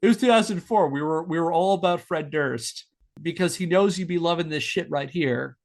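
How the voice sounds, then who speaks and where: A podcast host with a voice on the high side reads scripted narration at a moderate pace. He adds casual asides and tells the story in a wry, emphatic way.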